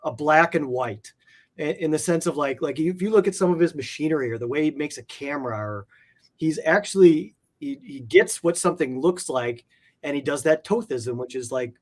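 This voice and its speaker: An interview guest who collects comic art chats casually and enthusiastically about it, rambling and sprinkling "like" throughout. His voice is on the high side and expressive, at normal speed.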